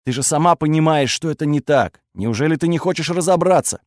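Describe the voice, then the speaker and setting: A man voicing a calm, patient young male hero who talks in a coaxing, steady way. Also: on the high side, a little fast, no room sound, studio quality, natural voice.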